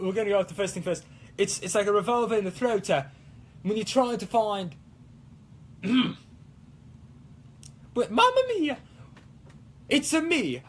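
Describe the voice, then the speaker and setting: A high-pitched man hosts a livestream, rambling casually while he crafts. He's playful and theatrical, putting on a wobbly Italian accent and sprinkling in mock-Italian exclamations. There's slight background noise.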